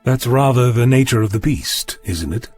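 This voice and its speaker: A man's voice: medium pitch, animated, moderate pace, darkish tone, soft background music, natural voice. A man playing an eccentric, curious time-travelling doctor in an audio drama, polite but dismissive, with a musing theatrical delivery. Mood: bemused, wry. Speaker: lead actor in an audio drama.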